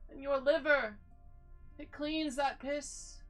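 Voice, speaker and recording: High-pitched tipsy woman streamer, slow and theatrical. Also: fairly even intonation. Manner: theatrical, drawn-out, swinging from hushed to loud emphasis. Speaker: VTuber streamer. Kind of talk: rambling mock-motivational livestream monologue. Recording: music behind the voice. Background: background music.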